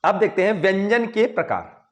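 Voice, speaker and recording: A man's voice: high-pitched, lively intonation. A man teaching Hindi grammar, explaining step by step and checking in with "okay" between points. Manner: slow, repeats "ठीक है" between points. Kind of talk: explaining at a board.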